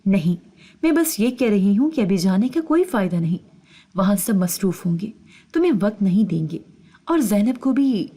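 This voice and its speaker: A nervous wife with something to hide pleads in a hushed, mellow voice, read by a woman storyteller. Her delivery is soft and urgent in a storybook reading. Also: mid-range voice, sing-song. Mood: pleading.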